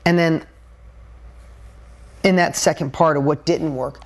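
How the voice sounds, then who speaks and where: A man's voice: fairly high pitch, steady tone, measured pace. Emphatic middle-aged motivational speaker, man. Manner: emphatic, candid, rhetorical questions, mild swearing. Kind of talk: motivational talk.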